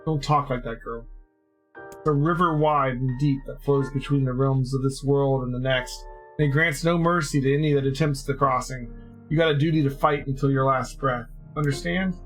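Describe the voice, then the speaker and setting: A man reading aloud and voicing a tough, foul-mouthed old grandmother who speaks gruffly and bluntly. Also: mid-range voice, steady tone, moderate pace, fairly bright tone, soft background music, close to an everyday voice. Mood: stern tender.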